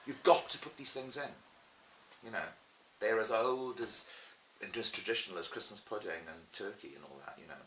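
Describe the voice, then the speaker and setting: Telling stories in an interview, a middle-aged pantomime artist is chatty, showy and emphatic. His voice sits on the low side, a bit bright, at a moderate pace, and the recording has room echo with a faint hiss.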